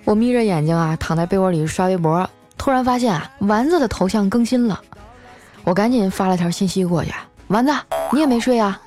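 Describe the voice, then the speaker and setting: A woman's voice: mid-range voice, darkish tone, faint music behind. Chatty woman telling funny stories. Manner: chatty, drawn-out filler particles. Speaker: host. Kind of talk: scripted comic storytelling.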